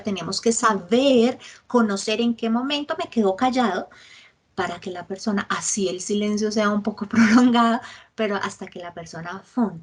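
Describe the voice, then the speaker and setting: A Colombian woman leads a psychological first aid workshop. Her voice sits a bit high and has a husky edge. She often stops to check in with her listeners and acts out lively examples. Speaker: workshop instructor.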